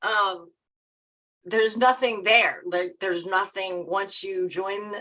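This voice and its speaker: Bright-voiced chatty woman co-host. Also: medium pitch, steady tone, takes it slowly, rough recording. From Maryland, USA. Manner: laughs often, chatty with restarts. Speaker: co-host of a live stream. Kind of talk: casual live-stream chat.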